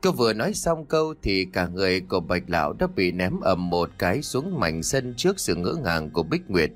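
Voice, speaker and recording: A man narrating a ghost story with expressive storytelling. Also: deep voice, moderate pace. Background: faint music.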